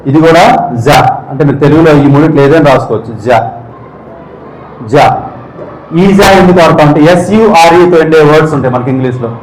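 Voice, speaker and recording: A man teaching English speech sounds, often quizzing listeners and slowly repeating each sound. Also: a little high. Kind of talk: spoken English phonetics lesson. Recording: echoey room.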